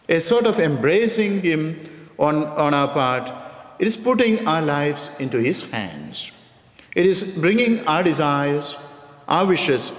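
Male parish priest, homily, lively rising and falling delivery, long church reverb. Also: fairly high pitch. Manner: measured, addresses listeners as "my dear friends".

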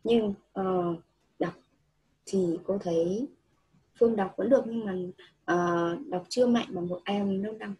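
A woman with a very breathy, husky voice tutors a student in English. She is patient and laughs easily. She mixes explanations with English phrases. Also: medium pitch, a little slow, dark tone, poor audio. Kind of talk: one-on-one online English lesson.

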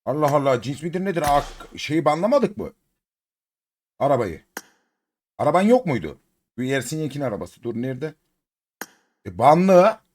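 A Turkish man talks through a mobile game in casual commentary, chanting the same words again and again and coaxing his cat. His pitch jumps around a lot. A faint noise sits under the recording. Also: sing-song, normal speed, long pauses, a little mellow.

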